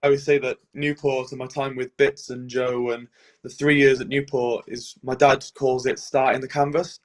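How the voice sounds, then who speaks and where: Here a Cardiff-accented Welshman in his twenties, a goalkeeper guesting on an interview, replies at a moderate pace in a medium-pitched voice. He's relaxed and casual, sprinkling in many "um"s and "and stuff."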